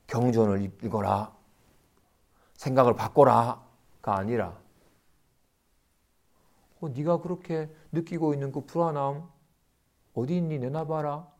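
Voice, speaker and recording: A man's voice: unhurried, pauses often. A middle-aged man, a Buddhist monk, giving a conversational dharma lecture on a sutra. He often checks in with his listeners and acts out the voices he quotes. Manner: animated, acts out quoted voices with pitch jumps; conversational, often adds tag questions.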